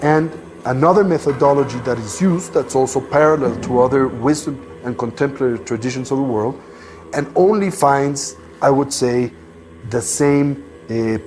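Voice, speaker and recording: Deliberate male explainer with soft music. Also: medium pitch. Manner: deliberate, explanatory, tag question "no?". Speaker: scholar of contemplative traditions. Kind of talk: documentary interview, explanation.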